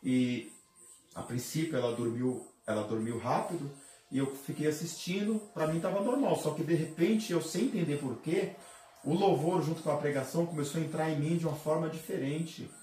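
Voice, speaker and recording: A man's voice: on the high side, moderate pace, mellow. A man, a pastor, giving an emotional testimony of faith, dramatic and re-enacting his own cries and heartbeat. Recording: roomy sound from a distant mic.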